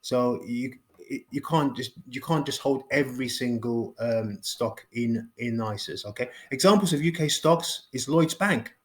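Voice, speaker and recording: A man's voice: mid-range voice, measured pace. Man explaining, says "okay" a lot. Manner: repeats himself, says "okay?" after points. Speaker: finance educator. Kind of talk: informal explainer video.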